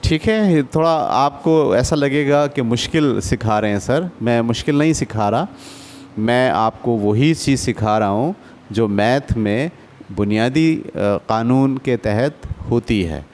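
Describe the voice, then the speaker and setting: A man's voice: medium pitch, animated, a little slow, darkish tone, slight background noise. A man teaching a basic math lesson to adults, patient and often checking that the class follows. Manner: patient, asks checking questions.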